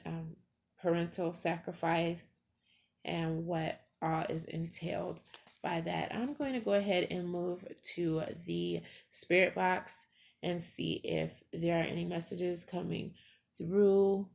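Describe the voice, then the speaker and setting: A woman hosting a paranormal session, talking to spirits with solemn questions in a halting, deliberate way on a noisy amateur recording. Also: fairly low pitch, vocal fry, darkish tone. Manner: halting, deliberate, pausing between phrases.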